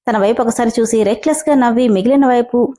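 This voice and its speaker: A woman narrating a romantic drama story in a steady, even storytelling way. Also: fairly high pitch, quick pace.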